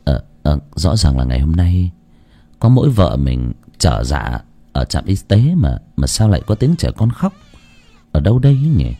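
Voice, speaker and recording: A man's voice: very deep voice, very animated, normal speed, warm tone, pitched below the performer's own voice, full character voice. A man voicing a terrified village man who stammers and shrieks. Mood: uneasy muttering.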